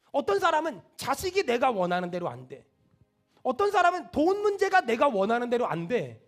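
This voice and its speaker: A male pastor preaching a sermon, leading the congregation to repeat after him. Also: very high voice. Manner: animated preaching with call-and-response.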